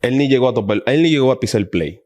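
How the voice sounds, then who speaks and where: Young man in his twenties, podcast guest, animated storytelling with acted-out quotes. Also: medium pitch, fast talker. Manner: animated, acts out quoted dialogue. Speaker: guest baseball player. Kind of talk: casual storytelling interview.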